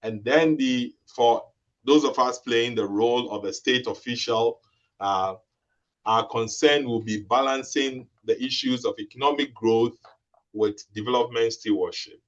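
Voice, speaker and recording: Low-voiced young man from Ghana, researcher on a video call, hesitant delivery, muffled lo-fi sound. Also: a bit bright. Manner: halting, many restarts and fillers. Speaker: researcher and webinar participant. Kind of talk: explaining a role-play and introducing himself.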